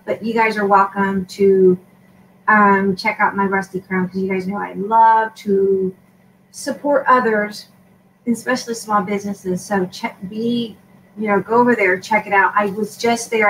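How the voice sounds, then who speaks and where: A woman's voice: mid-range voice, a bit bright, far from the mic, slight background noise, rough recording. A woman vlogger chatting casually as she shows craft supplies in a tutorial for her shop, rambling with lots of fillers.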